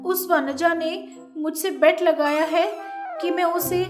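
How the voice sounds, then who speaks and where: A woman voicing a boastful, touchy young wife who complains dramatically in a shrill, whiny voice. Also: fairly even intonation, slow, roomy sound. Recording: music playing underneath.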